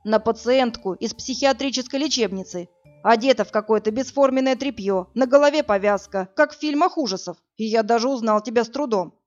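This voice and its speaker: A woman voicing a cocky, brusque burly man who talks in a hurried, mocking way. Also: on the high side, darkish tone, close to an everyday voice. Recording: dull lo-fi audio, faint music.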